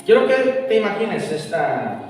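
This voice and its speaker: Brief: male preacher, animated storyteller, high voice, heard from afar in a long-reverb hall. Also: moderate pace, distant mic, soft background music. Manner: animated, acts out both sides of a phone call. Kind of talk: sermon storytelling. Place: church hall.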